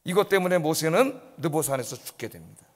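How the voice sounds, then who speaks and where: A man with a notably high speaking voice preaches to his congregation, pressing his points with rhetorical questions. His voice rings out with the long reverb of a church sanctuary. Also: animated, fairly quick. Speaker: pastor. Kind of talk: sermon.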